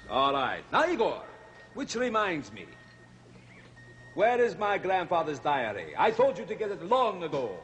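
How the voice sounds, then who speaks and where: A high-voiced, pompous vampire count, bossy and exasperated, in a children's comedy sketch. His melodramatic delivery leaps around in pitch. There is faint noise on the old TV recording. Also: wildly swooping pitch, measured pace, pauses often, a bit bright, heavily acted. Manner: melodramatic, bossy, swinging from whine to command. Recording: faintly noisy vintage TV soundtrack.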